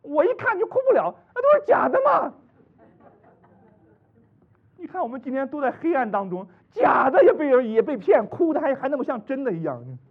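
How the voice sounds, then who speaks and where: A man from China preaching a sermon, full of rhetorical questions, swinging between loud exclamations and hushed asides. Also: very high-pitched, huge pitch swings, moderate pace. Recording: tinny phone-like recording.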